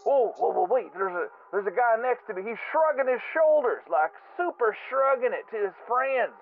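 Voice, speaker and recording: A man leaving a voicemail over a landline phone, rambling excitedly in a play-by-play with exclamations and stammered restarts. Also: extremely high pitch, normal speed. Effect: heard over a landline phone as a played voicemail. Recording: tinny phone line with faint hiss.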